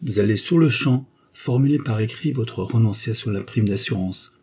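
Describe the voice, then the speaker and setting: A man reading a novel aloud, voicing a cold, commanding noble duchess in a raised, forceful voice. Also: fairly low pitch, normal speed, slightly rough. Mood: cold, stern. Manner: stern, commanding, solemn. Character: imperious cold-hearted noble duchess, woman. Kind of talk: audiobook character voice.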